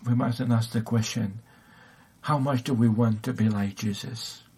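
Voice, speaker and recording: A man's voice: mid-range voice, steady tone, normal speed, warm tone, husky. A man preaching a sermon, hesitant, with many fillers and restarts.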